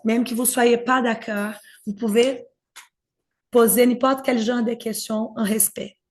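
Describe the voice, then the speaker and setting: Gentle woman leading a faith discussion. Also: a little high, steady tone, unhurried. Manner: gentle and inviting, searching for words. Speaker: group leader of a faith discussion.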